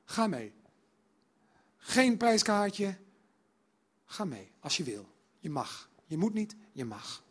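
A male preacher giving a sermon, animated, acting out quoted dialogue between characters. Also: high-pitched, slow, pauses often, slightly rough. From Netherlands.

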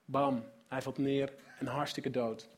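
A male preacher retelling a story in a sermon, animated and dramatic, with sudden turns between loud and soft. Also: medium pitch, slow pace.

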